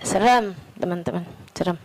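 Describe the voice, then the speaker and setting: A woman preacher delivering a sermon in a storytelling manner, acting out quotes and dropping to a soft, slow voice for prayer. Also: on the low side, low-quality recording.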